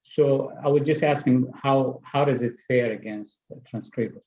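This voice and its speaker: A man's voice: medium pitch, normal speed, dark tone, highs cut off. A man asking a follow-up question in an online Q&A, hesitant and full of fillers, speaking over a video call.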